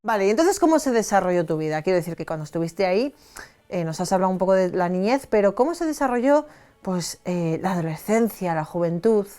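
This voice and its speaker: A woman's voice: medium pitch, expressive, a little fast, mellow, faint music behind. A woman hosting an interview and asking welcoming questions. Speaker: interview host. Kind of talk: friendly interview.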